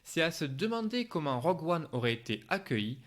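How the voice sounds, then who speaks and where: Critique de cinéma français, homme, narration écrite. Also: male voice, on the high side, sing-song, fairly quick. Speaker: film reviewer. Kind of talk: scripted review narration.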